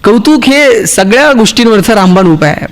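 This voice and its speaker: A man's voice: high-pitched, expressive, moderate pace. A man with a Marathi accent giving a motivational speech, telling humorous stories and acting out the dialogue for his audience. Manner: storytelling, acts out dialogue, jokes with the audience. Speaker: motivational speaker.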